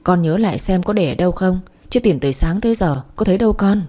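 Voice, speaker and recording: A woman voicing a doting old grandmother who speaks gently and coaxingly in a storybook reading. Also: on the low side, lively intonation, quick pace.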